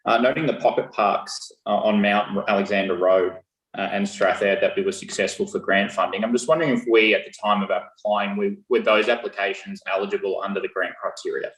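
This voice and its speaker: A man's voice: on the low side, fairly even intonation, a little fast, roomy sound, rough recording. A man councillor asking a tentative question at a council meeting, full of hesitation. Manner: tentative, filler-heavy questioning.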